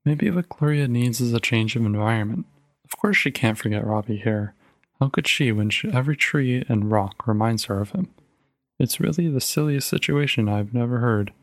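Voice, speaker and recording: A man's voice: medium pitch, normal speed, dry recording, lightly acted. A man voicing a stern, determined mother, reading her lines firmly and insistently in a storybook reading. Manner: firm, clipped and insistent.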